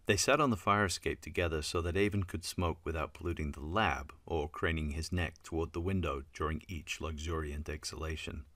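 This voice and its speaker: Deep low guy narrating an audiobook, dry close mic, wry measured delivery. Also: a bit bright, dry recording. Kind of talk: scripted narration.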